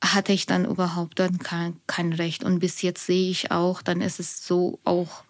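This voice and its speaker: A woman from Iran with a Persian accent, a guest telling her own story in halting German full of fillers. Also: lowish voice, monotone. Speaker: interview guest. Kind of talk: personal account in conversation. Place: indoors.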